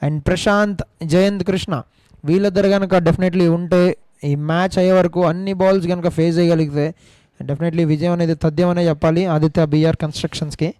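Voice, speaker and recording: A man with an Indian accent giving excited, emphatic live cricket commentary. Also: sits high, fast, smooth, dry recording. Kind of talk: live cricket commentary mixing Telugu and English.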